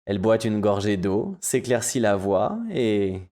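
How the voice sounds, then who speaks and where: A man's voice: on the low side, mellow. Man narrating an audiobook. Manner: measured, storytelling.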